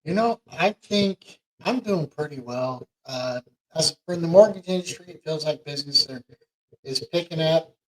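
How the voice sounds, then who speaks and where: Middle-aged male podcast co-host, somewhat high voice, casual and halting. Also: low-quality recording. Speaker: podcast co-host, mortgage lender.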